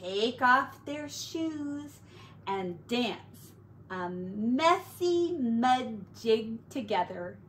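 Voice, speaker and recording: A woman teacher addresses young children in a high voice, speaking at an unhurried, very slow pace. She is expressive and sing-song, stretching and drawing out words and dropping into hushed asides, with slight background noise.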